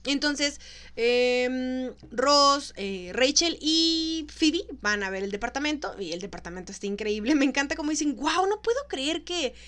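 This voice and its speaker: A woman's voice: sits high, expressive, unhurried, a bit bright. A woman with a Mexican accent, co-hosting a casual chat and retelling a sitcom episode. She laughs often and acts out the characters' lines. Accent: Mexican Spanish. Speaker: podcast co-host.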